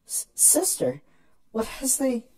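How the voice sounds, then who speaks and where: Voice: mid-range voice, sing-song, slow pace, warm tone, breathy edge, exaggerated voice. A performer voicing a naive, awestruck younger pony princess with archaic wording in a fan fiction dramatic reading. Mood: shocked. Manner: archaic, wondering.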